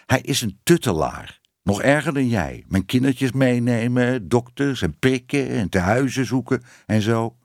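A man's voice: mid-range voice, expressive, measured pace, dry recording, studio quality. A man voicing a wary stray mother cat who speaks bluntly about a fussy man.

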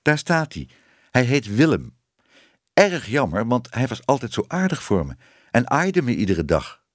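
A man's voice: medium pitch, very animated, unhurried, dry recording, studio quality. A man voicing a talkative male factory cat who is eager to pass on gossip and news. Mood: chatty. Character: chatty male factory cat smelling of violets.

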